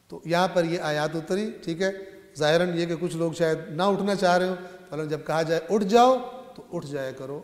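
A man preaching a sermon to a gathered audience, explaining scripture. He swings between loud, rising recitation and quiet, low asides, and often checks that his listeners are following. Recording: echoey hall with long reverb.

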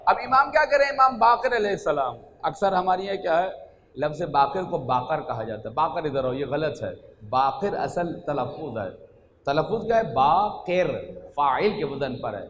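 A man delivers a fervent religious sermon in a slightly high voice. He drops to hushed, low passages, then surges up into loud, ringing exhortations. His voice carries through an echoing hall with a long reverb tail. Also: big pitch swings, a little hiss or hum. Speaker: Shia preacher at a majlis. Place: large hall at a religious gathering.

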